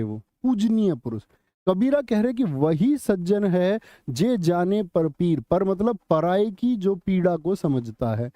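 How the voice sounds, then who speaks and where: A man teaching an exam-prep class online, quizzing students with repeated questions and slowly chanting lines of poetry. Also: sits high, dark tone, no echo. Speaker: Hindi teacher.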